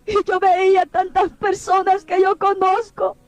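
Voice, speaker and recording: A woman's voice: extremely high pitch, level tone, a little slow, dry recording, low-quality recording. A woman preacher earnestly recounting a dream as an emotional testimony, pleading and often close to tears.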